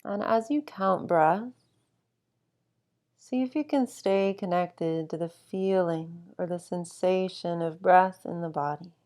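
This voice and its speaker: A woman guiding a sleep meditation with calm, soothing instruction and long, unhurried pauses. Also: on the low side. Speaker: meditation guide.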